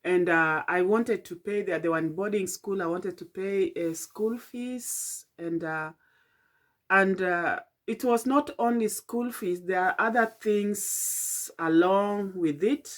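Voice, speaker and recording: A middle-aged Kenyan woman telling a late-night personal vlog in a tired, halting, reflective way, with many fillers and restarts. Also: mid-range voice. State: tired and yawning. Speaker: vlogger.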